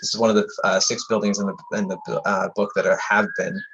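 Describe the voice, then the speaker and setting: A man with a lowish, fairly monotone voice delivers a slide-illustrated history lecture presenting his book on historic buildings. He reads briskly from prepared text, stumbling and correcting himself often. The audio is slightly dull and muffled, with background noise and sirens he sometimes talks over.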